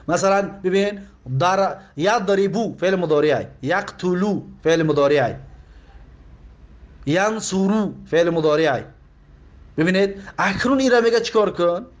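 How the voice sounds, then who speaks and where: Man, high voice, Tajik accent, grammar teacher, repeats and quizzes pupils. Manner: slow, repeats words and asks pupils questions. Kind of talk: explaining lesson.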